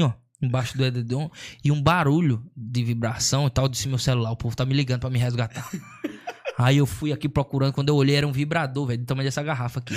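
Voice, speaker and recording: A man with a fairly high voice rattles through a comic story at a rapid clip. He is slangy and animated, slipping into the voices of the people he quotes. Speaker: comedian. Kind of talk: casual storytelling chat.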